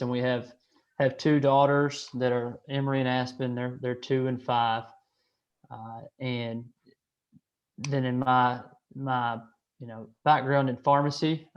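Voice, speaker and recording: A man, hosting an online meeting in a hesitant way, with many restarts and fillers. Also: medium pitch. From Kentucky, USA. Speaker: association director hosting a call. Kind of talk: casual online meeting talk. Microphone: video call. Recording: slightly dull call audio.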